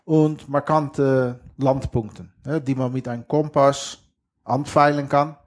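Speaking at a measured pace with fairly even intonation and a medium pitch, a middle-aged Dutch man talks as a guest in a laid-back interview. He's from the western Netherlands, has sailed all his life, and uses plain German with grammar slips and a strong Dutch accent.

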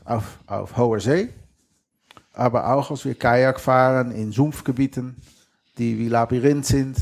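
A man's voice: medium pitch, gravelly, darkish tone. A middle-aged man with a strong Dutch accent, a guest in a casual interview, speaking German plainly with grammar slips. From western Netherlands. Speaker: guest, lifelong sailor.

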